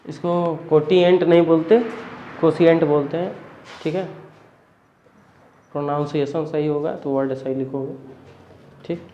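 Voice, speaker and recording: A male teacher with a fairly high voice runs a classroom lesson, often asking the students whether they follow. The room rings with a strong echo. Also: steady tone, normal speed, long pauses, dark tone, muffled recording. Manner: questioning, checks understanding often. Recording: echoey classroom.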